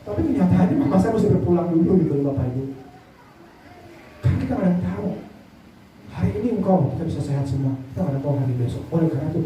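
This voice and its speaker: A man's voice: on the high side, lively intonation, racing, pauses often, warm tone, lo-fi sound, a little hiss or hum. A young man with an Indonesian accent preaching a sermon, telling his testimony emphatically to the congregation. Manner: emphatic testimony, addressing congregation as Bapak Ibu. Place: large church hall. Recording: echoey church hall from far off.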